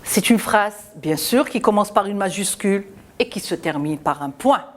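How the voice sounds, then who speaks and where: A woman teaching young children to read, articulating each syllable slowly and clearly, repeating words, and encouraging them. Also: mid-range voice, animated. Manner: encouraging, addressing children warmly. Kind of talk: school reading lesson for children.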